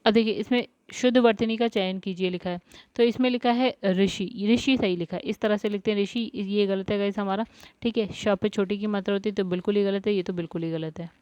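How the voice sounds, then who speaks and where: A woman's voice: medium pitch, fairly even intonation, a little fast, darkish tone, dry recording. Woman tutor explaining spelling step by step. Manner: explains step by step, repeats words, says "guys" often. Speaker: Hindi exam tutor. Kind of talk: spelling lesson walkthrough.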